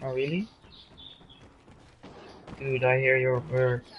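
A man's voice: mid-range voice, flat delivery, takes it slowly, dull audio, slight background noise. A man giving casual commentary while playing a game on a livestream, often exclaiming as he reacts. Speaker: streamer.

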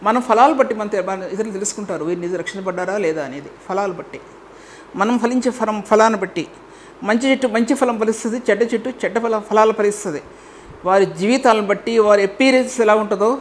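A woman delivers a sermon at a middle pitch, earnest and steady. She circles back to key phrases to drive them home. A faint hiss of noise sits under her voice. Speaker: preacher. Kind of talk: sermon with closing prayer.

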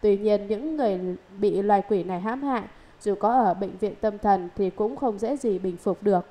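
Woman, warm low-brightness tone, calm even reading, sutra commentary. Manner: steady, measured explanatory reading. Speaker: reader of a Buddhist commentary.

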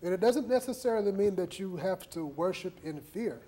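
A man's voice: high-pitched, animated, a little fast, mellow, slight background noise. Man hosting a studio interview. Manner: affirming, conversational, summarizing guests' points. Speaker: TV talk show host. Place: TV studio set. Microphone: lapel mic.

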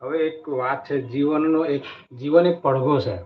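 A man's voice: a little high, fairly even intonation, a little slow. A man giving a spiritual motivational talk in an earnest way, telling a story and repeating key phrases. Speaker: motivational speaker. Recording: dull lo-fi recording with faint noise.

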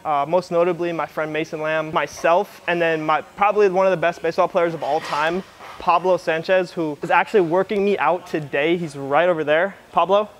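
A man's voice: a little high, steady tone, fairly quick, slight background noise. A young American man chatting casually for a vlog in a joking, slangy way. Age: young adult. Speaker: vlogger.

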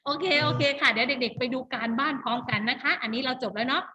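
A woman teaching an online English class to kindergarten children over a video call, animated and full of praise in a sing-song tone. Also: high voice, fast. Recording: slightly dull video-call audio with faint noise.

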